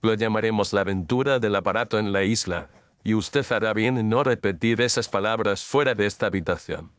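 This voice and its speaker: A fairly low, brisk male voice with a fairly bright tone and no echo voices a middle-aged detective in radio drama, lightly acted. The character is cool and exacting, issuing precise, commanding statements with measured composure.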